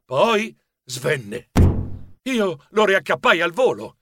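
Animated male storyteller for kids' audiobook; raised, expressive voice, dry studio read. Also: high voice, slow, no room sound. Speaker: audiobook narrator. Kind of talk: expressive children's audiobook narration.

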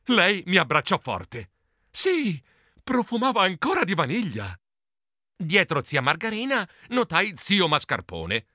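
Man, storybook narrator, playful animated reading, very bright tone, dry studio. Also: high-pitched, measured pace, no echo. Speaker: audiobook narrator.

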